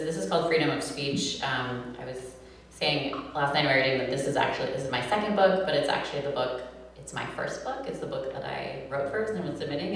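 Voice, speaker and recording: A nasal, low-pitched American woman from New York City performs her own poetry at a live reading, introducing the pieces casually and in her own words. The reverberant room makes the hall sound echoey, and the distant mic also picks up a humming noise.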